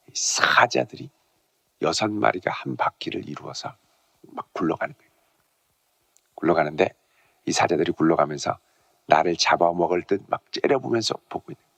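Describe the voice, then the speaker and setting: Animated Korean pastor with a gravelly voice. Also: male voice, deep voice. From South Korea. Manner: animated preaching that drops to hushed, whispered asides. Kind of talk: sermon.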